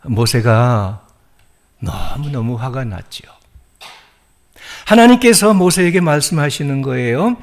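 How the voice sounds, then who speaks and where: A man's voice: medium pitch, expressive, measured pace, pauses often. A male pastor giving a Sunday sermon, telling the story and asking the congregation questions.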